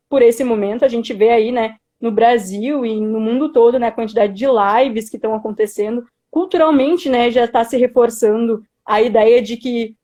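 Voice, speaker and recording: A young woman with a Brazilian accent speaks in a fairly high, mellow voice. She gives informal political commentary in an earnest way, pausing to search for words and often adding little tags that seek agreement. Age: young adult. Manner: earnest, hesitant, frequently seeking agreement with tag questions. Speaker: student activist.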